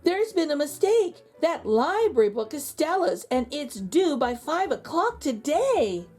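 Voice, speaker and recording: A woman voicing an earnest, excitable young mother in a children's storybook. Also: high-pitched, measured pace, soft background music, voice pushed up. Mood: urgent calling.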